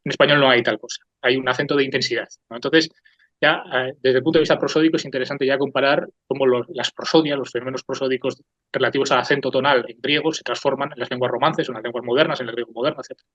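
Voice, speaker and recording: Talking fast with fairly even intonation, a man who hosts a cultural talk program delivers a wandering, unscripted lecture, often turning to check in with the listener. His medium-pitched voice is fairly bright, and the dry lo-fi recording sounds slightly dull, with no echo.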